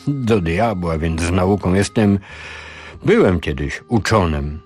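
A man's voice: deep voice, expressive, takes it slowly, a little mellow, faint music behind, exaggerated voice. A man voicing a proud, gloomy medieval French alchemist who speaks in a declaiming, theatrical way.

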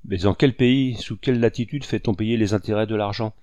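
A man's voice: on the low side, brisk, darkish tone, no room sound, close to an everyday voice. A man voicing a sly, miserly old man who pleads and protests, in an audiobook reading. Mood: protesting. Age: older.

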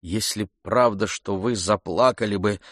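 Brief: gentle, shy gentleman, read by a man, low and soft, hushed pleading. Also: measured pace, no room sound, clean studio sound.

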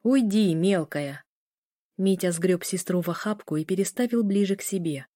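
A woman narrating a romance novel in a calm, even way. Her voice is warm and mellow, recorded close with a dry sound and no room around it. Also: fairly low pitch, brisk, no echo. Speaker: audiobook narrator. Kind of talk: scripted audiobook narration.

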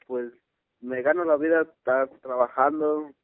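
A man's voice: mid-range voice, fairly even intonation, a little slow, dry recording. Hesitant young Guatemalan man on phone. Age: 20s. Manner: hesitant, searching for words. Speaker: interviewee. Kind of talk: casual phone interview. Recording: tinny phone line.

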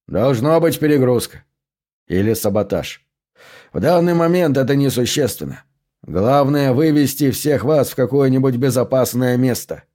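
A man's voice: mid-range voice, expressive, moderate pace, mellow, lightly acted. A man voicing a practical police inspector in an audiobook, talking in a clipped, businesslike way. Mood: brisk.

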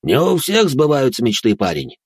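A male narrator voicing a bald, cocky gang leader who talks in a rough, swaggering way. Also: medium pitch, very animated, moderate pace, dry recording, studio quality, voice pushed up, heavily acted. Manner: coarse, swaggering street talk.

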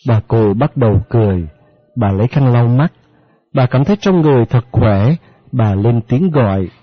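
A man narrating an audiobook in a steady, measured way. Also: mid-range voice, dry recording. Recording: dry, dull lo-fi audio with faint music.

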